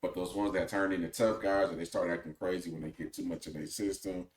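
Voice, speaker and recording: Roomy echo, deep male voice, casual co-host commentary, colloquial, plain-spoken. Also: little pitch movement, fast talker. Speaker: talk show co-host. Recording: roomy, echoing sound.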